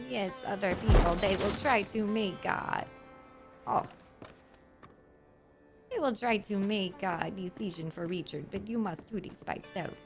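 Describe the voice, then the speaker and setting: Fortune teller role for online western role-play: woman as earnest mystic, halting broken English, gravelly fry in a mid-pitched voice. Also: over music, natural voice. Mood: earnest, advising.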